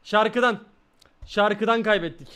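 A man streaming a racing game live, chattering excitedly, swearing often and talking to his chat. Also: sits high, measured pace, smooth. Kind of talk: live gameplay commentary.

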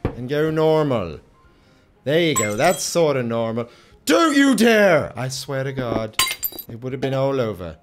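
A man giving let's play commentary, exasperated and swearing as he yells at the game he is playing. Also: mid-range voice, unhurried, over music. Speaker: gaming channel host.

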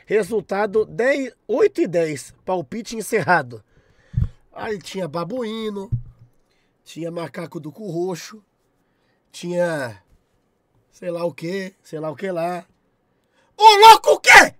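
A young man with a Brazilian accent, chatting on a live stream, loud and profane, shouting thanks at his chat. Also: high-pitched, animated, slow pace, pauses often, no echo. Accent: Brazilian Portuguese.

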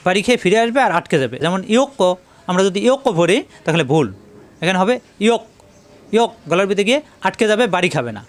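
A man teaching Quran recitation rules, patiently repeating each sound to show the difference. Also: sits high. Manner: recites verses in slow drawn-out chant. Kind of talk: tajweed lesson.

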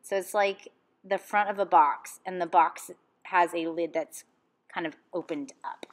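A woman with a fairly low voice talks through a drawing lesson. She gives calm, step-by-step instructions as an art teacher. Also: unhurried.

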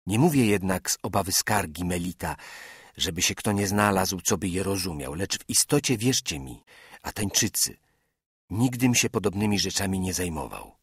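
A man reading an audiobook, delivering a classical speech in a measured, oratorical manner straight to his listeners. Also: sits low, sing-song, husky, dry recording, studio quality. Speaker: audiobook reader. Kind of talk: scripted narration of a classical speech.

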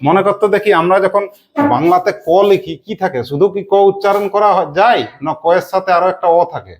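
A woman teacher leading a spelling lesson for young pupils, drilling them with call-and-response and frequent check questions. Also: medium pitch. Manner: asks children quick check questions.

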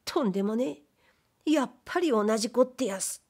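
Reading a period-fiction audiobook, a woman performs a timid, lowly male ghost who used to trade in wastepaper, speaking in polite, plaintive Edo commoner dialect. Her voice is a little high and pushed up, animated and brisk, slightly mellow yet husky.

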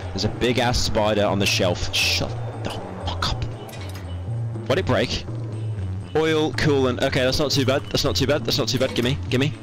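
Panicky young streamer, game music behind. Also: male voice, medium pitch, moderate pace. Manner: panicky, swearing, repeating words under stress. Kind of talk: live gameplay commentary.

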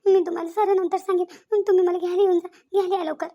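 A woman's voice: very high voice, flat delivery, rapid-fire, mellow, lo-fi sound, slight background noise. A woman voicing an upset young married daughter in a cartoon, urgently pleading with her father. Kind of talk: cartoon voice acting.

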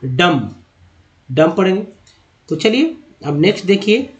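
Middle-aged guy teaching english pronunciation, slightly high voice, keeps repeating and quizzing. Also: normal speed, lo-fi sound. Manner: repetitive, drilling, asks and answers own questions. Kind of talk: classroom-style lesson on pronunciation.

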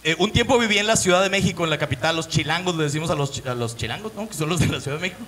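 High bright-voiced Mexican comedian. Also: male voice, lively intonation, rapid-fire. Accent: northern Mexican. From Monterrey, Mexico. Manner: profane, storytelling, acts out voices. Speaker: stand-up comedian. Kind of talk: stand-up comedy set.

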